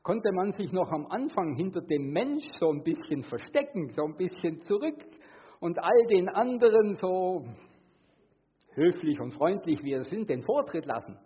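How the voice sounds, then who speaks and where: Husky, animated male preacher. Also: normal speed, muffled recording. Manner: earnest, shifts between hushed and emphatic; acts out quoted voices with sudden high pitch. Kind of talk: sermon.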